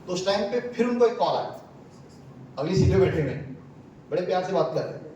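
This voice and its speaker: A man giving a lively, storytelling talk to an audience at a seminar, acting out callers' voices as he goes. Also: high voice, a little fast. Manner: storytelling, acts out callers' voices, laughs often. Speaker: speaker at a crypto seminar. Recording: echoey hall from far off, faint noise.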